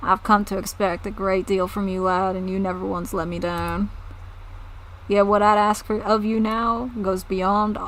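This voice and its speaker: A woman's voice: medium pitch, fairly even intonation, takes it slowly, few pauses, mellow, a little hiss or hum, close to an everyday voice, poor audio. Casting: blustery old game farmer man who curses pirates with old-fashioned insults, put on by a woman streamer. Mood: gruff. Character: gruff older male farmer leader, blustery.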